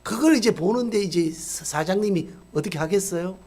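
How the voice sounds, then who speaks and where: A middle-aged male pastor telling a story in a sermon, acting out the people in it with sudden shifts in voice. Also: fairly quick. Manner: acts out quoted characters with lively swings in pitch and loudness.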